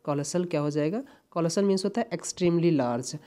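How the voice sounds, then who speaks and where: A man's voice: fairly high pitch, fast, warm tone, smooth. A man tutoring exam English, explaining step by step and repeating key words with frequent tag questions. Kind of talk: exam-prep lesson.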